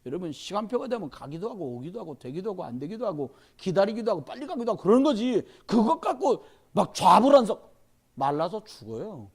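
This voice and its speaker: A man delivers a sermon at a midweek church service with a high voice that swoops across a wide range. He presses the congregation with loud urging lines, then drops into low, quiet asides and plays out the voices of church members. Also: very animated, fairly quick, breathy edge. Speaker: pastor. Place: church during a Wednesday service.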